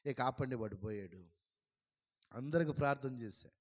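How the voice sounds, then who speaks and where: A man, preaching a sermon as a pastor and telling a story in a lively way. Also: medium pitch, normal speed, lo-fi sound. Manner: lively storyteller who acts out dialogue. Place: church hall. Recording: long hall reverb.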